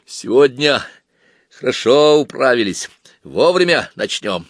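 A man reading a story aloud, voicing a gruff, bossy teenage stage manager who barks orders. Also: medium pitch, very animated, a little slow, no echo, studio quality, voice pushed up. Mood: pleased, chatty. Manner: barking orders.

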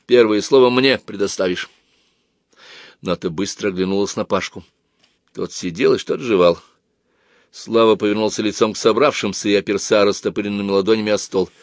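Low-voiced man reading a story. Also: fairly quick, no room sound, studio quality. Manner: expressive, lively storytelling. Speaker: narrator.

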